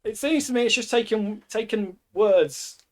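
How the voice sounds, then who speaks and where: Brief: male podcast co-host, slightly higher voice, wry and teasing, builds up jokes dramatically. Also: normal speed, darkish tone, slight background noise. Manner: wry, mock-dramatic build-ups, swears freely. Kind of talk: casual banter.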